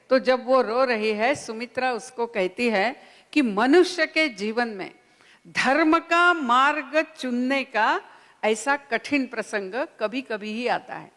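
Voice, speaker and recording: A woman with a fairly high voice delivers a spiritual lecture at a very slow, deliberate pace. She tells the old story patiently and acts out the characters' lines as she goes. Her voice carries a long reverb from a large conference hall. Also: fairly bright tone. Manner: unhurried storytelling with quoted dialogue. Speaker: speaker at a Ramayana conference. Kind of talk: spiritual lecture retelling scripture.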